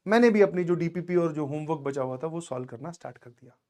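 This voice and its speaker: A man's voice: fairly high pitch, fast talker, mellow. A man teaching and motivating students in a casual storytelling way, often checking in with his listeners and mixing in English words. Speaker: coaching teacher.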